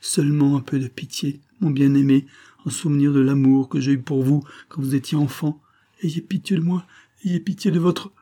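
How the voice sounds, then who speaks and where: A man's voice: medium pitch, moderate pace, mellow, slightly rough, natural voice. A man reading an audiobook voices a worn-out poor woman who pleads for pity. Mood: pleading. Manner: imploring, sorrowful.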